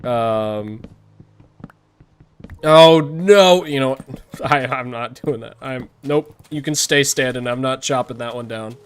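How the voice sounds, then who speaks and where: A man's voice: mid-range voice, steady tone, a little slow, fairly bright tone, smooth. A man live-streaming a game, rambling and chatting with viewers, often laughing and tripping over his words. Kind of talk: live-streamed gameplay chat.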